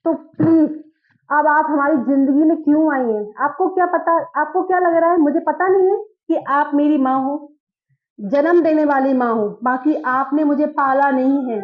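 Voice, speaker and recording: A woman's voice: high voice, moderate pace, close to an everyday voice. A woman voicing a cold, grown-up young daughter in a drama skit, talking in a curt, formal way. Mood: resentful. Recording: dull lo-fi recording.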